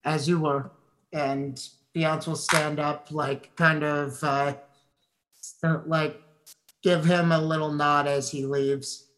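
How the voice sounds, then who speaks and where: A man playing a tabletop game, describing his character's actions haltingly with many fillers. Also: on the high side, little pitch movement, a bit bright, poor audio. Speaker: player. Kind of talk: tabletop role-play.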